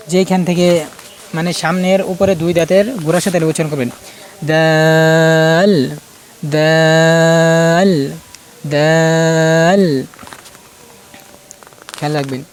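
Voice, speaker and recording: A man's voice: a little high, a little mellow, a little hiss or hum. Man teaching letter sounds. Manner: repeats letter sounds slowly and points out mouth positions. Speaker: Quran recitation teacher. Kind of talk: casual spoken lesson.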